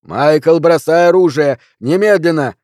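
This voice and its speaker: A stern police officer, put on by a man reading an audiobook barks orders in a loud, raised voice. His timbre stays dark and mellow, recorded dry and close. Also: on the high side, a little slow, no room sound, pitched above the performer's own voice, close to an everyday voice. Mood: shouting. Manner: commanding, barking orders. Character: stern shouting male police officer making an arrest.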